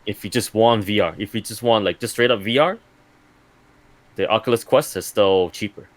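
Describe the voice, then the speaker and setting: A man co-hosting a gaming podcast in casual chat, measured and skeptical, often repeating words as he starts. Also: lowish voice. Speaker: podcast co-host.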